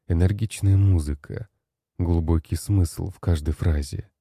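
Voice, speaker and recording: Deep dark-voiced male narrator. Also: no echo, studio quality. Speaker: audiobook narrator. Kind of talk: first-person story narration.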